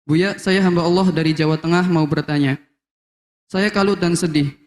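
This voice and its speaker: A man reading a viewer's question aloud to a preacher at a measured pace. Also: fairly high pitch, fairly even intonation. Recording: echoey hall.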